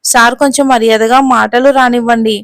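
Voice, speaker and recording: A woman's voice: fairly high pitch, fairly even intonation, fairly quick, no room sound, clean studio sound, lightly acted. A woman voicing a frightened young woman who pleads through tears. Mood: pleading. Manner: pleading, tearful.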